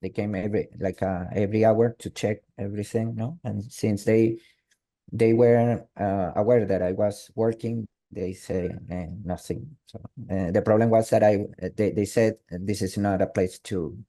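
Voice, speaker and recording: A man with a Venezuelan Spanish accent, a guest telling his story in an online interview, halting and restarting often. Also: fairly low pitch, fairly even intonation, warm tone. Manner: halting, with many restarts and fillers. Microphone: video call.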